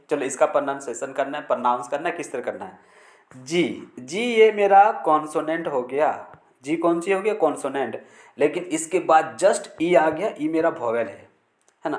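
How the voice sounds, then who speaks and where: A man with a somewhat high voice gives a patient pronunciation lesson, spelling each word out slowly and repeating the rule. He keeps checking in with short fillers. The room around him is echoey. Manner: spells words letter by letter, repeats key rules. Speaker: English teacher. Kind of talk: Hindi-language pronunciation lesson.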